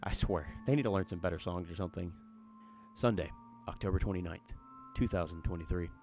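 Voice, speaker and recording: A man reading a horror story aloud in a folksy, chatty storytelling manner. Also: low voice. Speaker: narrator.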